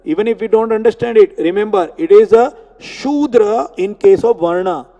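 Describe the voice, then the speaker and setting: High-voiced man teaching in a reverberant hall. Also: warm tone, lo-fi sound. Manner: explains Sanskrit words slowly, repeating terms. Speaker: Gita teacher. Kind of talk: religious discourse. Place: temple hall.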